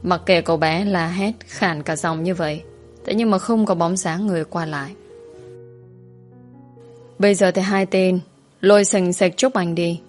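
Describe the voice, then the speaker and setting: A woman narrates a story in a steady, even storytelling voice. Her voice sits on the low side, and faint music plays under it. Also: a little slow, long pauses.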